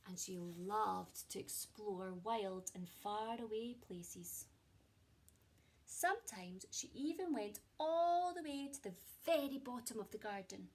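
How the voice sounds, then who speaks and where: As a teacher addressing young listeners, a woman reads a children's picture book aloud with expressive storytelling. Her voice is medium-pitched and slow.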